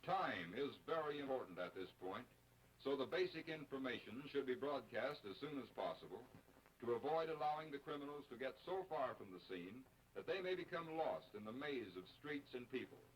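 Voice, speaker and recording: Male American narrator for a 1950s-style training film: formal, measured, instructional read, vintage film sound. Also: medium pitch, animated, a little hiss or hum, low-quality recording.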